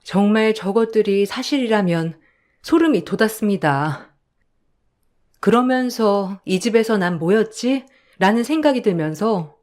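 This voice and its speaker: A woman's voice: mid-range voice, darkish tone. A woman reading a first-person story aloud in an emotional, confiding way. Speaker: story narrator.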